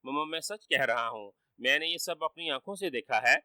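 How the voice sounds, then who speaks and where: A man doing a panicked shouting young man. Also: on the high side, no room sound. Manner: panicked, urgent.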